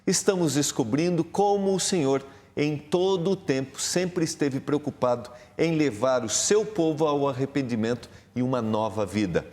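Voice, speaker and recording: A man, a pastor, hosting a Bible study program in a TV studio with emphatic, rising delivery. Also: normal speed. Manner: warm, emphatic host with lively pitch rises. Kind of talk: religious TV studio talk. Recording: roomy studio with long reverb.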